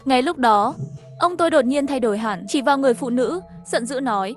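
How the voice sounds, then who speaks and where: Woman narrator, horror cartoon dub, high voice, even storytelling, faint music behind. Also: a little fast. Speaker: narrator and dubber of the channel.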